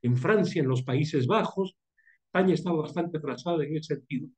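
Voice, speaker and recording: A man's voice: on the high side, darkish tone. An older man with a Mexican Spanish accent leading a university seminar, speaking in a thoughtful, digressive way and coughing from a cold. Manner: thoughtful, digressive, pausing and restarting phrases. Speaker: seminar leader.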